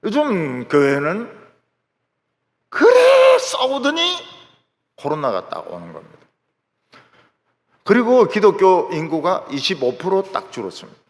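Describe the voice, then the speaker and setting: His pitch fairly high and his speed normal, this male preacher animates his sermon by voicing the people in his anecdotes. The recording carries the long hall reverb of a big church sanctuary.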